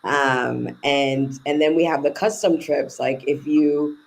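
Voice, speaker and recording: A woman's voice: low-pitched, steady tone, slow, creaky, a little hiss or hum, low-quality recording. A woman managing travel bookings, explaining trip options in a casual interview, listing details with fillers.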